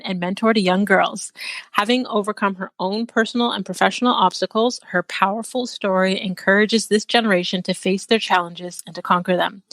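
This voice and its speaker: A woman's voice: mid-range voice, fairly bright tone, dry recording. A woman hosting an interview show, upbeat and affirming as she asks questions. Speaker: host.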